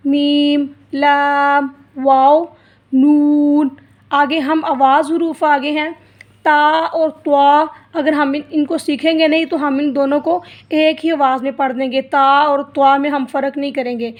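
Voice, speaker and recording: A woman teaching a Quran reading lesson for beginners, patiently explaining each letter and drawing out its sound to demonstrate it. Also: high voice. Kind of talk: slow step-by-step lesson.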